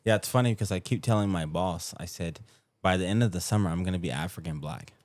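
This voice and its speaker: A man who is a podcast guest, talking casually with lots of restarts and sudden jumps in pitch when he gets worked up. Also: fast talker, no room sound. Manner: hesitant, many fillers and restarts, jumps up in pitch when excited.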